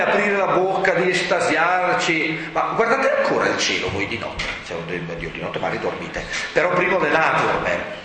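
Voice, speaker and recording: A man preaching an animated, rhetorical sermon, often shouting for emphasis. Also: on the high side, slight background noise. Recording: echoey hall, faint ambience.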